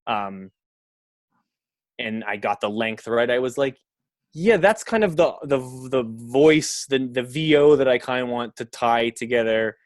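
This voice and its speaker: An expressive, unhurried mid-range voice belongs to a Canadian filmmaker guesting on a podcast. He talks casually and ramblingly, heavy on fillers and sprinkled with swearing. The clean studio recording is dry.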